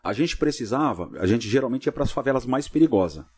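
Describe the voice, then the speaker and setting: Fast-talking husky man telling stories. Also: medium pitch, animated, a little mellow. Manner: fast, vivid storyteller acting out dialogue. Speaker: pastor, podcast guest. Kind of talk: casual storytelling interview.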